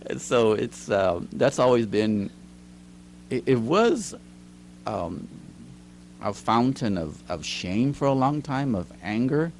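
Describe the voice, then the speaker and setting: Appearing as a guest in a casual storytelling interview recorded in a studio with a little hiss or hum, a middle-aged teacher and writer speaks slowly in a medium-pitched, darkish voice with big pitch swings. He's chatty and laughs often, acting out the lines he quotes.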